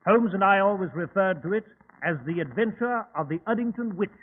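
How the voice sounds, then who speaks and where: An earnest gentleman doctor in a radio mystery, high in pitch. He speaks formally, with a storyteller's sense of drama, over a tinny old broadcast. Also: fairly quick. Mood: storytelling, grave. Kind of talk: old-time radio drama acting and narration.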